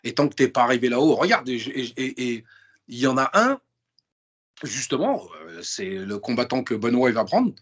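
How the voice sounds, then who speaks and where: This man speaks at a moderate pace in a mid-range voice as an interview guest. Casual and slangy, he talks with animated emphasis and lots of repetition and restarts.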